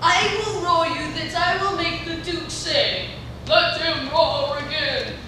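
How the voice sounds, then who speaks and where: A very high-voiced, boastful weaver played by a woman declaims grandly and slowly in a stage Shakespeare comedy. The sound is distant and swimming in echo. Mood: boastful, eager. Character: boastful, stagestruck male weaver eager for every part. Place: echoey performance space, recorded from a distance. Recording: echoey, noisy hall from far off.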